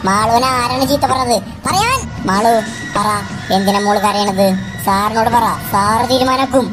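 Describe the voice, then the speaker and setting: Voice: mid-range voice, expressive, normal speed, lightly acted. A performer voicing a doting male schoolteacher in a comic cartoon dub, coaxing and fussing. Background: loud music.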